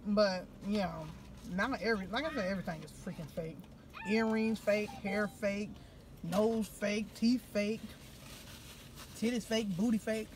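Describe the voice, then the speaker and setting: A woman's voice: mid-range voice, measured pace, noisy background. A middle-aged woman hosting a casual eat-with-me chat from inside a car, talking in a slangy, chatty way. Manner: chatty, slangy, laughing wrap-up. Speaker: host.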